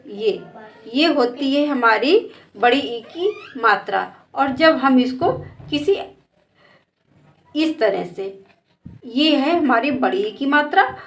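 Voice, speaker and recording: A woman teaching a children's lesson, stretching out each word slowly in patient pronunciation drills and addressing the listener as a child. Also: high voice, a bit bright. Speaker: Hindi teacher.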